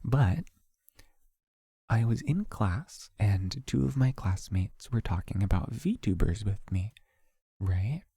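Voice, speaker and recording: A man's voice: on the low side, lively intonation, slow, creaky, warm tone, slightly rough, dry recording. A young man who streams as a VTuber, chatting casually and telling rambling stories to his chat. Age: young adult. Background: faint background music.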